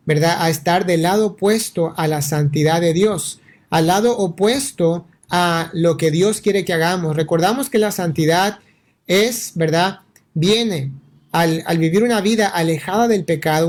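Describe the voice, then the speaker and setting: In a radio studio, a man whose voice sits high gives an earnest, steady Bible lesson as a pastor. Spanish isn't his native tongue; he often restarts words and asks "right?" to check in.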